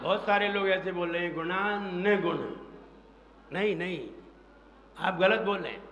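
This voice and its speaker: A man with a high, bright voice leads a congregation through a recitation lesson. He speaks slowly and drills each syllable, chanting the verse for them to repeat. He is heard in an echoey hall with a long reverb and faint ambience behind him. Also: highs cut off, slight background noise. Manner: slow, drilling repetition, chants verse lines. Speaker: monk teaching recitation. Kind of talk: pronunciation lesson within a sermon.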